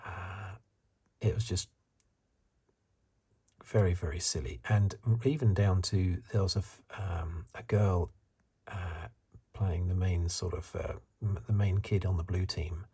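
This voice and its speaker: This ASMR reviewer has a deep, dark voice, very breathy and soft, frequently sinking into a whisper. His delivery is a little slow and fairly even, hesitant and chatty, like he's thinking out loud.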